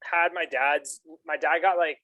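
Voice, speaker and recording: A man's voice: a little high, steady tone, a little slow, pushed and bright, no echo. A young man co-hosting a podcast, telling a loose, rambling story with lots of laughter. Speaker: podcast co-host. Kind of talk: casual chat.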